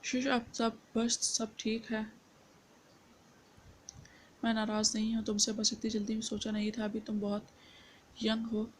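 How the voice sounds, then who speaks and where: A woman's voice: medium pitch, monotone, fairly quick, slight background noise, lightly acted. A woman voicing a cold, stern young husband. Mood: soothing. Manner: cold, commanding, growling.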